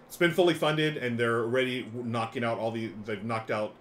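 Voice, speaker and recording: The speaker is a middle-aged man running a board game live stream, chatting casually and eagerly as he walks through the games. His pitch is medium and his speed normal, and a steady background noise is clearly present in the small, game-lined room.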